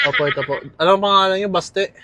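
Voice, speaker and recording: A man's voice: high voice, quick pace, heavy background noise. A man playing a ride-hailing driver who stays polite while growing exasperated, in a comedy skit. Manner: polite but exasperated, uses po and ho. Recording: music playing underneath.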